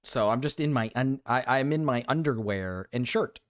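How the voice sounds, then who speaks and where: A man's voice: medium pitch, expressive, normal speed, no room sound. Rambling streamer guy, dry sound. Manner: rambling, self-interrupting, laughs often. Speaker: live streamer. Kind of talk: casual stream chat.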